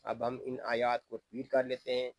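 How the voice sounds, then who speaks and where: A man teaching Quran recitation rules word by word, patiently explaining each rule and chanting the verses in long, drawn-out tones. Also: medium pitch, completely flat delivery, a little mellow, no echo. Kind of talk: tajweed lesson, word by word.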